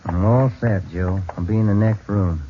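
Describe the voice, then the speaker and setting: An actor playing a steady male detective partner in a 1940s radio drama, plain and businesslike. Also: lowish voice, moderate pace, soft background music, close to an everyday voice. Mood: calm. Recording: dull old radio broadcast, off mic.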